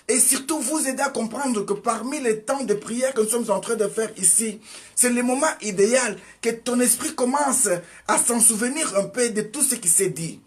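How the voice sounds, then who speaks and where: An evangelist preacher from Congo delivers an exhorting sermon in a high voice. He peppers listeners with rhetorical questions, alternating between loud outbursts and quiet passages.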